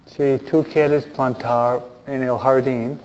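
Slow-paced priest, dull muffled recording. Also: male voice, flat delivery, darkish tone, in a large hall, slight background noise. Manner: deliberate, with frequent pauses. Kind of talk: Gospel reading and homily. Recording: dull, muffled low-fidelity sound.

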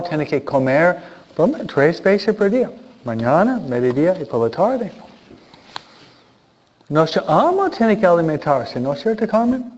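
Priest, man; slow, questioning catechism talk to kids, acts out small dialogues; muffled recording. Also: high-pitched, a little mellow. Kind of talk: catechism talk to children and parents. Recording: dull lo-fi recording.

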